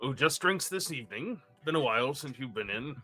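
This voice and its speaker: A man's voice: medium pitch, lively intonation, pushed and bright, soft background music, pitched above the performer's own voice. A man voicing a jovial male tavern owner with a slightly piratey lilt. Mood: teasing. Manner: hearty, drawn-out barkeep lilt.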